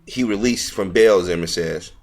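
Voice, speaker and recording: At normal speed, a man with a fairly low voice reads out online news commentary, tripping over a few words. He comes across as earnest and full of opinions.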